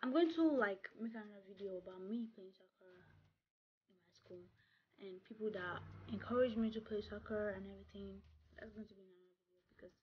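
Her mid-range voice runs a little fast as the young Nigerian vlogger, Nigerian accent and all, chats informally to camera and stresses points by repetition. Recorded indoors in a small room, the sound is dull and lo-fi with audible background noise.

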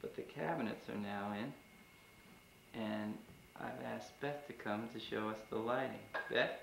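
A man's voice: on the low side, a little slow, vocal fry, fairly bright tone. A man in his thirties giving a chatty, proud running commentary as he films his home renovation on a camcorder. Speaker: father filming home video. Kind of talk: home video narration. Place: house under renovation, indoors. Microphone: camcorder mic. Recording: roomy camcorder tape with hiss.

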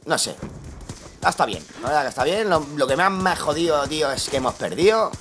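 A young man with a Spain Spanish accent and a slightly hoarse voice, giving excitable live commentary over his gameplay and swearing at teammates. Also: on the high side, a little fast, a little hiss or hum. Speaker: gamer streaming live gameplay. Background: faint gunfire from the game.

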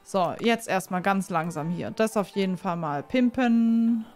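A woman doing casual gameplay commentary, excitable and quick to yelp in alarm, who also reads the game's dialogue aloud. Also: mid-range voice, faint music behind. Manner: excitable, frequent startled exclamations. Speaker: let's play gamer.

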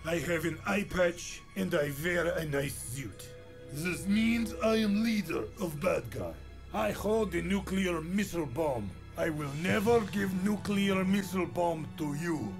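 An actor playing a dim villain boss in a parody war game, with a gravelly growl, a thick foreign accent and slow, blunt broken English. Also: male voice, sits high, lively intonation, faint music behind, full character voice. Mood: boastful menace. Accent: heavy put-on foreign. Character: menacing, dim eye-patched villain boss, exaggerated parody.

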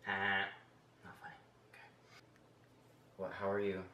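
A man's voice: low voice, completely flat delivery, unhurried, bright, forceful tone. Man as a mopey young guy, giggly, rambling, echoey room, distant camera, faint noise. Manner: joking, giggly, rambling banter. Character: mopey young man mourning his lost friend. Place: indoor room.

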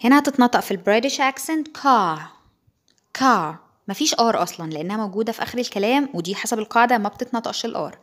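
A young woman with an Egyptian Arabic accent giving a pronunciation lesson, explaining slowly and repeating example words aloud. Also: fairly high pitch, expressive. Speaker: English teacher.

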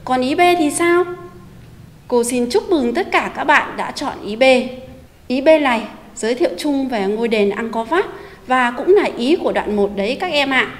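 Woman teacher, reading lesson for children, gentle, patient, fairly high voice, long echo. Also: expressive, moderate pace. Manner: gentle, patient, addresses pupils directly. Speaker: primary school teacher. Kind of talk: recorded online reading lesson.

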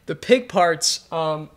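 Young man, slightly high voice, explaining casually. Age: young adult. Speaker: composer, presenter. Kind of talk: casual explanatory talk to camera. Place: bright living room with grand piano.

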